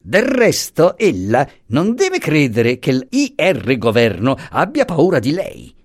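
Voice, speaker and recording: A man's voice: on the high side, huge pitch swings, takes it slowly, voice pushed up, full character voice. A man putting on an insolent petty police official. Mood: bullying contempt. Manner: brusque, commanding, threatening.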